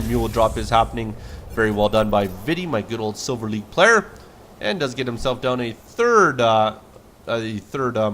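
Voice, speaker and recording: Fast-talking casual male game caster. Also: mid-range voice, fairly bright tone, slight background noise. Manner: casual, joking asides. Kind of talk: play-by-play commentary of a video game replay.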